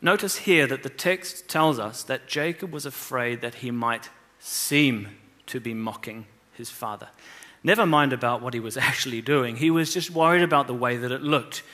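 A man's voice: medium pitch, normal speed, hardly any pauses, sharp tone. A man teaching children, retelling a scripture story with emphasis and rhetorical questions. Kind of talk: scripture reading and moral lesson.

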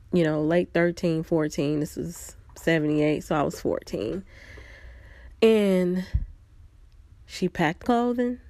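Woman, personal storytelling, low gravelly voice, warm and dry, reflective. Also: no echo. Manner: reflective, unhurried, pausing often.

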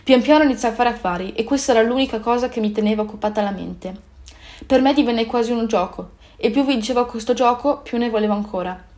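A woman's voice: a little high, fast talker, a little mellow, lightly acted. A woman voicing an older merchant father in a storybook, grave and heartfelt. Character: older male merchant, stern father turned tender.

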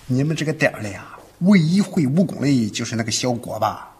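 A man's voice: medium pitch, expressive, fairly quick, breathy edge. An actor playing a sly male mountain bandit who poses as a waiter, speaking, wheedling one moment and menacing the next. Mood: gloating. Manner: wheedling, then swaggering and menacing. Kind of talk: sitcom acting.

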